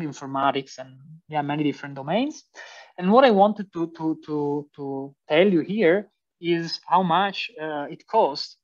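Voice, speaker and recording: Young man, Italian accent, guest lecturer, halting with fillers, distant lo-fi recording. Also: fairly high pitch. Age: young adult. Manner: hesitant, many fillers and restarts. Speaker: guest lecturer, PhD student. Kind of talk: university lecture. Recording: distant, dull lo-fi sound.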